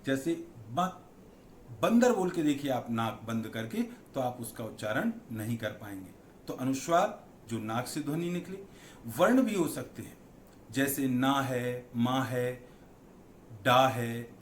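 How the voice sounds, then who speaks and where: A man teaching a lesson on Hindi vowels and signs, who repeats key terms and asks and answers his own questions. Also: mid-range voice. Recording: echoey room with faint background noise.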